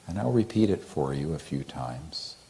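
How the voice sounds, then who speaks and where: A man with an expressive bass voice leads a guided meditation, speaking softly and gently with long pauses. He chants a mantra in a drawn-out tone.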